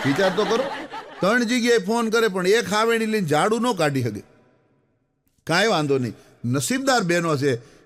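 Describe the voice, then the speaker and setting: A middle-aged man with a Kathiyawadi Gujarati accent performs as a folk comedian, spinning comic stories in a homely, conversational way. His voice sits high for a man. He keeps turning to speak directly to his listeners. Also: a bit bright. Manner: folksy, chatty, addresses the audience directly. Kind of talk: live comic storytelling.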